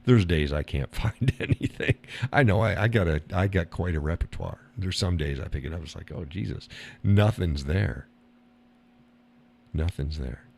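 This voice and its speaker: A man hosts a casual live stream, talking bluntly and rambling, swearing and laughing often, and mimicking other people in a higher voice. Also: lively intonation, normal speed, gravelly, darkish tone.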